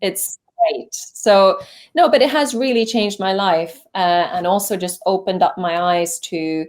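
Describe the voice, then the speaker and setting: A young Norwegian woman with a Norwegian accent chats casually as a voice-actor guest on an interview, her speech packed with fillers and restarts. Her voice is medium in pitch and unhurried. She's recording from a home voice booth.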